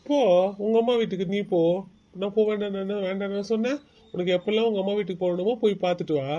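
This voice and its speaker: A man's voice: sits high, steady tone, fast talker, warm tone, lo-fi sound, close to an everyday voice. A man voicing a stern husband in a cartoon family drama, firmly lecturing his wife about his sister. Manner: firm, bossy, lecturing.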